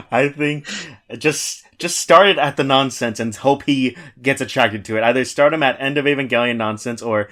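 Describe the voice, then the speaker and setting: A man's voice: medium pitch, normal speed, fairly bright tone. Male co-host, mid-range voice, sweary and jokey, loose irreverent chat. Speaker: podcast co-host. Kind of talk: casual, irreverent podcast banter.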